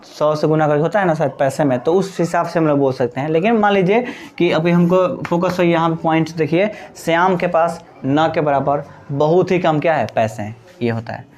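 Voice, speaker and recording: A man's voice: fairly high pitch, normal speed, darkish tone. A male English teacher giving a classroom grammar lesson, mixing Hindi with English terms and answering his own questions to the class. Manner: explains by asking the class questions and answering them himself.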